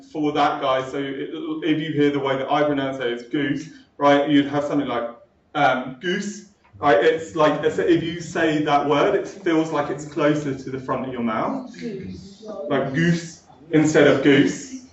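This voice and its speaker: A man's voice: a little high, measured pace. A young man from London teaching students in a classroom, chatty, tagging lines with "right?". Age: young adult. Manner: chatty, keeps checking in with "right?". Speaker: linguistics lecturer. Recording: echoey room, far from mic, dull sound.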